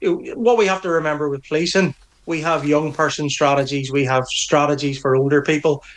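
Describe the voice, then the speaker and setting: His voice a little high, steady, and brisk, a middle-aged police association representative with a Northern Irish accent answers interview questions. He stays earnest and firm while frequently restarting his phrases.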